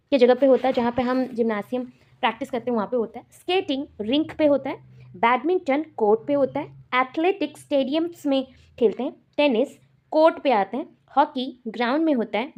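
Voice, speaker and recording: A woman's voice: high-pitched, darkish tone, lo-fi sound. A woman teacher from India giving an exam-prep lecture, explaining terms step by step and repeating the key words.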